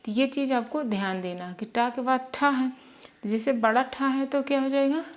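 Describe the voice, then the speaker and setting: A woman's voice: high voice, moderate pace. A woman teaching beginners how to spell syllables, repeating each sound patiently and checking in often.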